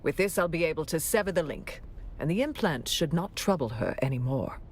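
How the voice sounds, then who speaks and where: A man's voice: on the high side, animated, brisk, a little hiss or hum, lightly acted. A man playing a cool, blunt game doctor. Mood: matter-of-fact. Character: calm, blunt male doctor, game character.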